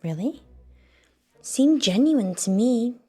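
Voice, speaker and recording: Breathy, girlish radio co-host. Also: on the high side, animated, slow, faint music behind, heavily acted. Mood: soft, intrigued. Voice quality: soft, breathy, baby-doll voice. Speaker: radio co-host in a story game. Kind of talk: dramatic game dialogue, late-night radio show.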